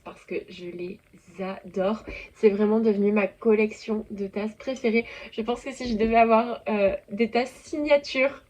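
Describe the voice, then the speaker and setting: A woman's voice: medium pitch, a little mellow, a little hiss or hum. A young woman hosting her lifestyle channel, chatting casually and enthusiastically with many little fillers. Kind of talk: casual chat to camera.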